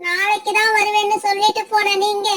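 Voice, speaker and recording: A woman voicing a gentle, devoted young bride myna bird in a cartoon, in a very high, thin voice with earnest pleading delivery. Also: a little fast. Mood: joyful. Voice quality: very high, thin and flat-toned. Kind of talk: cartoon voice acting.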